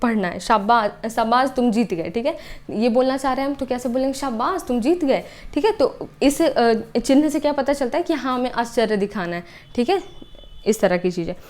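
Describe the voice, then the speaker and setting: A young woman's voice, a little high and a little mellow, guides students through exam preparation. Her explanations go step by step, she restates key points, and a brisk "okay" punctuates her checks for understanding.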